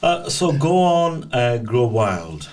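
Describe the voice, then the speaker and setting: A man's voice: medium pitch, very animated, slow, a little mellow, recorded from a distance. A man hosting a studio interview, asking questions and chiming in with short encouraging words. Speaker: podcast host.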